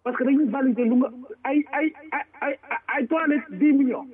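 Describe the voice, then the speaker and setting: A man with a Senegalese French accent giving forceful political commentary, switching between Wolof and French and repeating words for emphasis. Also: very high voice, brisk. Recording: tinny phone-line sound.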